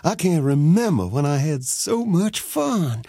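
A syrupy, flirty fox lady, put on by a man, coaxing and drawling with lively swoops of pitch. The storybook hostess sounds mellow and a touch distant from the mic. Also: a little slow, vocal fry, husky, dry recording, clean studio sound, heavily acted. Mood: admiring. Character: flirty sweet-talking female fox hostess.

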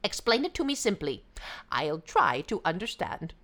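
A woman voicing a sly, cackling old male jackal who plays confused, with a high, giggly voice full of laughter. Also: very animated, normal speed, fairly bright tone. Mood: fake-puzzled. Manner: fake-confused, playful, sing-song.

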